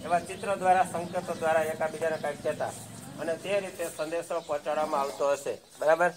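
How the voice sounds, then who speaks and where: High-voiced schoolteacher. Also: male voice, fairly even intonation, fast talker, background noise. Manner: asks the class questions and answers them himself; keeps checking in with the class. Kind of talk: classroom lesson for schoolchildren.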